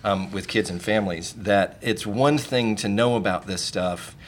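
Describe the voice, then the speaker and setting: A man's voice: on the low side, moderate pace. A man who is a clinical psychologist, talking hesitantly as a radio guest with many fillers and restarts. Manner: hesitant, many fillers, self-deprecating chuckles. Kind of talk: casual interview talk.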